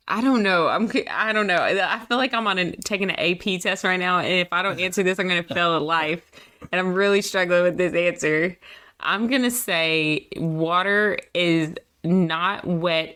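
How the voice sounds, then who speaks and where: A woman's voice: fairly low pitch, fairly bright tone, clean tone. A young woman co-hosting a podcast with her husband, chatting casually, laughing often and teasing herself. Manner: laughs often, playful and self-mocking. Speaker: podcast co-host. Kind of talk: casual chat.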